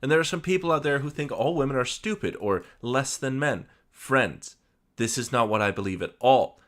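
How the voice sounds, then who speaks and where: A man's voice: medium pitch, expressive, normal speed, a bit bright, pitched above the performer's own voice, close to an everyday voice. A man voicing a prim, preachy middle-aged woman who writes fan fiction, sugary and self-righteous.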